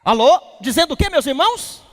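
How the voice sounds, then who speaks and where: A male pastor preaching a lively sermon at a church service, quizzing the congregation and breaking into shouts. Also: very high-pitched, a little fast, faint music behind. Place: church service in a large hall. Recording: long hall reverb from the church.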